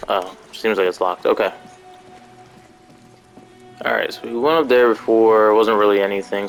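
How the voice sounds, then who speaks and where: A man hosting a casual video game playthrough, chatty and slangy, thinking out loud as he plays. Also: lowish voice, poor audio. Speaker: gaming channel host. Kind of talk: casual let's-play commentary. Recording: gameplay commentary with faint music behind.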